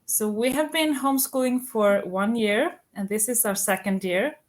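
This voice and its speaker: A homeschooling mother from Iceland, in her thirties, answers interview questions in a measured, methodical way, going point by point. Her voice is a little high.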